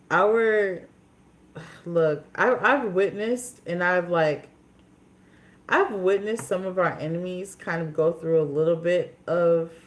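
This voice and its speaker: A woman in her twenties from Minnesota, chatting casually on a livestream in a candid, rambling way with many fillers and restarts. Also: lowish voice. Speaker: livestream host.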